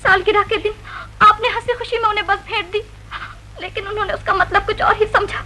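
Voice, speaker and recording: An actress playing a wronged young wife, tearful but proud, in earnest 1940s film acting. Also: female voice, very high-pitched, steady tone, a little fast, sharp tone, a little hiss or hum, rough recording. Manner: earnest, pleading.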